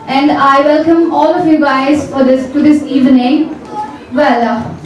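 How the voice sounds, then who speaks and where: High-voiced emcee in an echoey hall. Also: female voice, muffled recording. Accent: Indian English. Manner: lively hosting, addresses the crowd directly. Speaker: event emcee. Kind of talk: announcing a fashion show. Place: large indoor salon event space. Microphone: handheld mic. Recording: very echoey, from far off.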